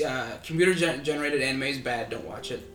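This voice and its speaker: A young man co-hosting a casual podcast chat, opinionated and quick to laugh. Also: mid-range voice, a crowd in the background. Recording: echoey room with music behind.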